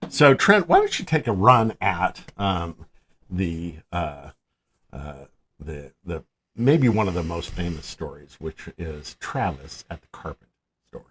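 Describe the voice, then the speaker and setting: A man's voice: deep voice, big pitch swings, measured pace, a bit bright, slight background noise. A man co-hosting a podcast in casual chat, teasing his co-host and prompting the story along.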